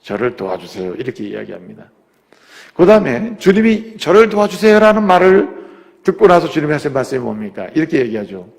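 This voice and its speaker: Gravelly Korean pastor preaching in a reverberant hall. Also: male voice, a little high, big pitch swings, brisk. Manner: swings from quiet explanation to loud rising exhortation; acts out biblical speech in quotes. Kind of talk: sermon. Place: church sanctuary.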